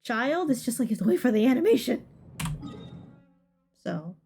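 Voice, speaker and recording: A woman with a mellow, highish voice, big pitch swings, and vocal fry talks at a moderate pace to her stream viewers. She rambles conversationally during gameplay, with video game music in the background.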